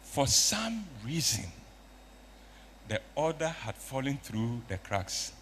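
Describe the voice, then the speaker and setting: An older man telling a story at a conference, acting out the dialogue with sudden loud bursts. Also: medium pitch, very animated, slow pace, creaky, a little hiss or hum. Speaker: motivational speaker. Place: conference stage.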